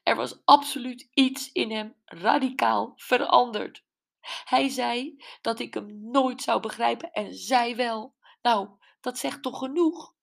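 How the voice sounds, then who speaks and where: A woman voicing an upset, bitter woman who rages about her ex-husband in a shrill, agitated voice. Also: fairly even intonation, slow pace, vocal fry, fairly bright tone, heavily acted. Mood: upset, indignant.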